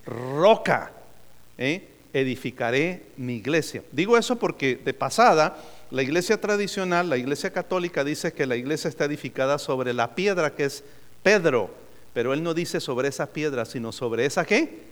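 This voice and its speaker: A man's voice: a little high, lively intonation, moderate pace, fairly bright tone. A man preaching a sermon as a pastor, calling on the congregation for answers and adding joking asides. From United States. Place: church sanctuary. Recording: long hall reverb.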